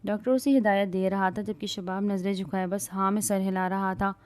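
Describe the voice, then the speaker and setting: A woman reading a romantic novel aloud as a storyteller, voicing all the parts in one steady narrating voice. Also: mid-range voice.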